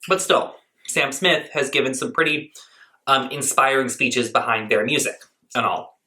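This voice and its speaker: A man talks through a clip in casual reaction commentary, blunt and openly sarcastic. His voice sits at an ordinary pitch but comes across bright and forward. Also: normal speed. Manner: talks with his mouth full.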